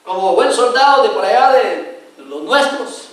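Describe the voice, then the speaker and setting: High-voiced preacher in an echoey hall. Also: male voice, a little slow, far from the mic. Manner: animated storytelling, acting out voices, direct questions to the congregation. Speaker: pastor. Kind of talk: sermon.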